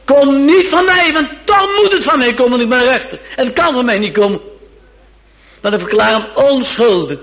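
A man voicing a defensive Roman governor who loudly insists on his innocence, declaiming and repeating himself. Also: very high voice, lively intonation, moderate pace, pitched above the performer's own voice, exaggerated voice, poor audio. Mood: protesting.

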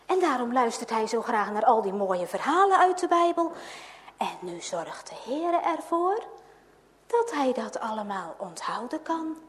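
A woman voicing a kindly male village pastor who speaks slowly and solemnly. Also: on the high side, very animated. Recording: long hall reverb.

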